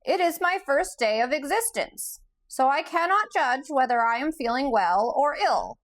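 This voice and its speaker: A woman voicing a squeaky-voiced male creature, a pompous, gloomy flying thing that talks in a formal, mournful way. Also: lively intonation, unhurried. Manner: mournful, formal and long-winded.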